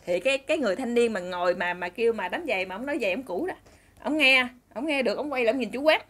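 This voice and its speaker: Chatty Southern Vietnamese woman storyteller, brisk pace, somewhat high voice. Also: expressive, a bit bright. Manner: chatty, addresses the audience directly. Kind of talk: casual storytelling to listeners.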